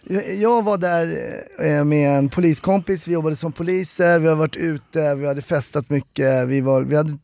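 A man co-hosting a live podcast, telling an anecdote in a lively way and acting out shouted quotes. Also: a little high, gravelly, hardly any pauses. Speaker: podcast co-host. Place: studio. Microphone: studio mic.

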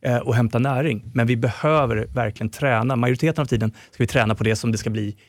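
A man's voice: medium pitch, no room sound. Middle-aged guy on a podcast going on and on, dry close mic. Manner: insistent, explaining at length with restarts. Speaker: podcast co-host. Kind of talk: casual chat.

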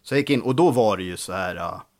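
A man, a comedian, telling stories in a casual podcast chat, animated and full of restarts. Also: low-pitched. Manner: animated storytelling with frequent restarts. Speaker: comedian guest.

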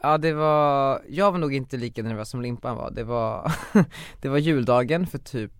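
A man's voice: medium pitch, clear, resonant tone, no echo, studio quality. A young man, a guest and author, telling a personal story in casual conversation with many fillers.

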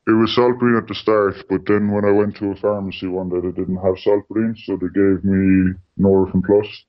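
A man speaking as an anonymous radio interview guest through a voice-disguising distortion filter, in a plain matter-of-fact way. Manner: plain, matter-of-fact, frequent "like" and "you know". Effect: voice disguised by a distortion filter, deep. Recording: dull lo-fi sound.

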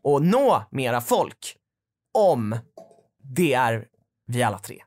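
A man's voice: mid-range voice, big pitch swings. A male comedian in a casual comedy chat who acts out scenes as he talks.

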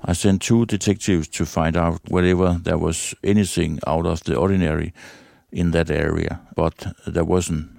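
Older guy ex cop telling a case, halting, creaky deep voice, dry close recording. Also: level tone, darkish tone, dry recording, soft background music. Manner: halting, with frequent hesitations. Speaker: former detective superintendent, interviewee. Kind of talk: recounting a police case.

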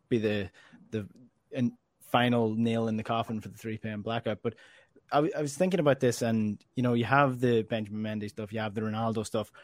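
A man's voice: fairly low pitch, dry recording. A man with an Irish accent hosting a casual sports discussion, earnest and emphatic, often rephrasing himself. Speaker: football podcast host.

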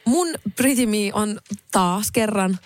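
A woman co-hosting a podcast, telling stories in a rambling casual way with lots of fillers. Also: medium pitch. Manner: rambling, filler-heavy, animated storytelling. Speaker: podcast co-host. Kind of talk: casual chat.

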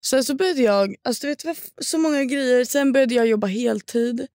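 A young woman from Sweden tells a story in a loose, slangy podcast chat. Her voice has a gravelly fry, recorded dry and close on the mic. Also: a little high, darkish tone, dry recording. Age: young adult. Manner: storytelling, chatty with slang and swearing. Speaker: podcast co-host. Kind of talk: casual chat.

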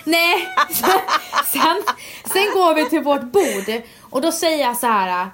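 Animated woman telling a story. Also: high voice, a little hiss or hum. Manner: animated storytelling, acts out quotes. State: pregnant. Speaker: podcast co-host. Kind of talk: casual chat.

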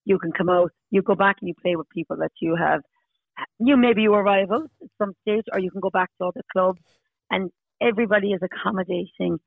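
A woman in her fifties talks casually and emphatically in a Munster Irish accent. Her voice has plenty of fry in it. It comes through a narrow, tinny phone-style connection with very little room around it. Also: mid-range voice, a little fast, no echo. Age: 50s. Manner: chatty, emphatic repetition. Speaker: podcast guest, Masters hockey player. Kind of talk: casual interview.

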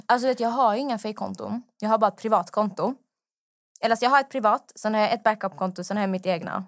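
A woman's voice: medium pitch, no room sound, studio quality. Teasing young woman podcast co-host. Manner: teasing, laughs easily, quick anecdotes. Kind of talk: casual chat.

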